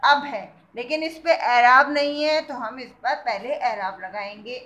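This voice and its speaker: Patient woman teacher; high-pitched, slow and deliberate, walks children through letters. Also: sharp tone. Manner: slow, patient, spells out letters and asks questions. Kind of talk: kindergarten Urdu writing lesson.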